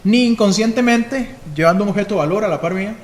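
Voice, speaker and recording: A man's voice: high-pitched, fast. A man with a Costa Rican accent, a police chief giving a live security seminar, who asks questions and then answers them himself. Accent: Costa Rican Spanish. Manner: instructive, asks and answers his own questions. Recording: echoey hall with faint noise.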